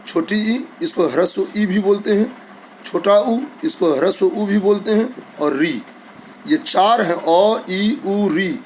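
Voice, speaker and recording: A man's voice: sits high, slight background noise, low-quality recording. A man teaching a lesson to school students, patiently reciting letters one by one and speaking to his pupils kindly. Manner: addresses pupils warmly, sends blessings.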